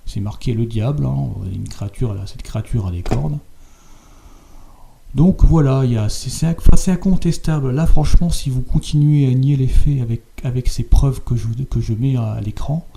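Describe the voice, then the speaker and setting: Gravelly dark-voiced man, halting commentary. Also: medium pitch, slight background noise. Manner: hesitant, many fillers and repeated words; insistent, keeps adding tag questions. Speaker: video host. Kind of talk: spoken commentary over on-screen images.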